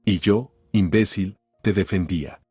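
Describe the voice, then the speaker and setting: A man's voice: deep voice, a little slow, mellow, breathy edge, no room sound, soft background music. A man voicing an entitled young husband who talks down coldly and with scorn, in an audiobook story reading. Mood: scornful. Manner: cold and scornful.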